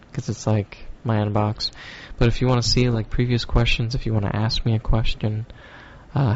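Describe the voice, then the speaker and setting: A man's voice: fairly low pitch, a little mellow, lo-fi sound, slight background noise. A man hosting a casual stoner podcast, talking in a loose, rambling, profane way with lots of fillers. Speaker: podcast host.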